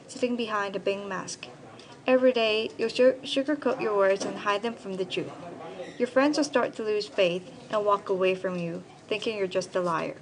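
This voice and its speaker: A woman's voice: mid-range voice, low-quality recording. A young teenage girl from Korea reading her own personal essay aloud, in a careful, earnest storytelling manner. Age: young teen. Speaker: student essayist.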